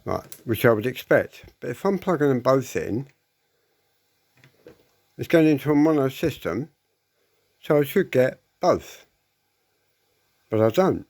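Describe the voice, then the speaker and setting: His voice is mid-range and a little mellow, very animated yet a little slow, with long pauses. He is presenting a casual demonstration of an audio equipment fault, explaining step by step, repeating points and using short tag questions to check in.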